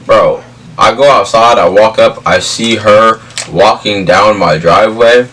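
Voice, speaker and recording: Low-voiced young man, slangy and casual. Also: unhurried, fairly bright tone. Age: young adult. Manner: slangy, emphatic, checks in with "you feel me" and "bro". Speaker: vlog co-host. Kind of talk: casual storytelling chat. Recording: distant mic, faint background noise.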